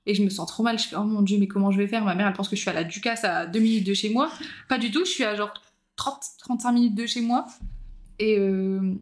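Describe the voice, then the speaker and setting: A woman's voice: mid-range voice, quick pace. A young woman co-hosting a podcast, telling a story in casual chat and acting out the people she quotes. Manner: animated, acts out quoted voices. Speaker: podcast co-host.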